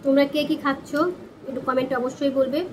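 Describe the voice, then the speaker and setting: High-voiced Bengali woman chatting while eating. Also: flat delivery, fast talker. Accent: West Bengal Bengali. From West Bengal, India. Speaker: food vlogger. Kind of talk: casual chat to viewers over a meal. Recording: clear background noise and ambience.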